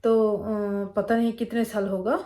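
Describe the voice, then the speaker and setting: A woman's voice: medium pitch, level tone, unhurried, warm tone. A woman from Bengal with a Bengali accent, telling a personal story in a casual, rambling way with many fillers and restarts. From Bengal, India. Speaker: vlogger.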